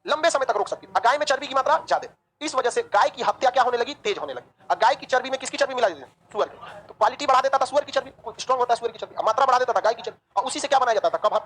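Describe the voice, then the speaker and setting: A woman teaching a history class, lively and joking, asking the class questions and answering them herself. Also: high-pitched, racing, few pauses, poor audio. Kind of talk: online class lecture.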